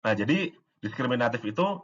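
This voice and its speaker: Husky man explaining AI casually. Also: mid-range voice, animated, a little fast, a bit bright, muffled recording. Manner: informal, many fillers and restarts, acts out dialogue examples. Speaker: AI course instructor.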